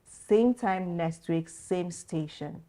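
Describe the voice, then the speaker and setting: A woman hosting a studio talk show, chatting lively with guests and signing off to viewers. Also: fairly low pitch, slow. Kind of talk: casual studio chat.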